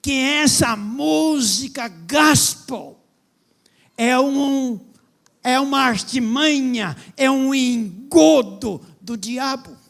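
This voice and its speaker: A preacher with a strikingly high voice gives an impassioned sermon. His delivery swings into loud, emphatic questions. He talks plainly and directly to the congregation. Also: very slow, gravelly. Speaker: pastor.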